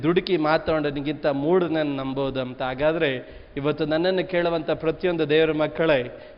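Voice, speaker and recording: A man delivers a sermon in a high-pitched voice, stressing repeated refrains and urging his listeners to respond. He is heard in a large church hall with a long, lingering reverb. The recording is muffled and lo-fi. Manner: emphatic preaching, repeating refrains, calling on the congregation. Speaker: pastor. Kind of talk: Kannada sermon.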